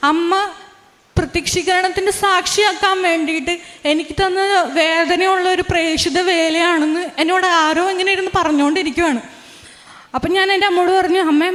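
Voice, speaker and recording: A young woman giving an earnest, emotional religious testimony, with frequent restarts. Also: high-pitched. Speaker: testimony giver. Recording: long hall reverb.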